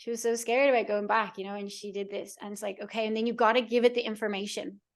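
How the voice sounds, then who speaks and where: A woman's voice: mid-range voice, level tone, quick pace. A woman coach leading a live online workshop in a soothing, encouraging way, checking in often with her listeners. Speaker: mind-body coach.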